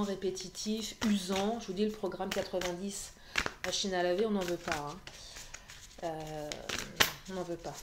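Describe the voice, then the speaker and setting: A woman casually reading tarot and oracle cards, chatty, often laughing and repeating her phrases. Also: medium pitch. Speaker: tarot and oracle card reader. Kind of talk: casual card-reading monologue. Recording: echoey room with faint noise.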